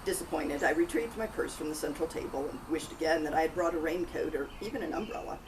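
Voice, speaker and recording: Here an author reads aloud from her own cozy mystery, speaking in the first person with a low, fast voice. Birds, crickets and other loud outdoor noise come through on a distant microphone.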